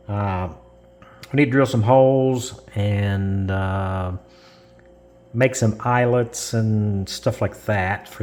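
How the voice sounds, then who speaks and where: Speaking low with a darkish tone, a man casually guides listeners through a step in building a model. He's slow and meandering, correcting himself and chuckling, and he coughs because of the dust.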